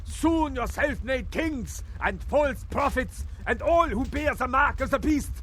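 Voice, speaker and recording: An actor playing a fanatical, wrathful religious vampire hunter in a video game, declaiming like a grandiose preacher. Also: male voice, very high voice, animated, measured pace, a bit bright, a little hiss or hum, full character voice. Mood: righteous contempt. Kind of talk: video game villain acting.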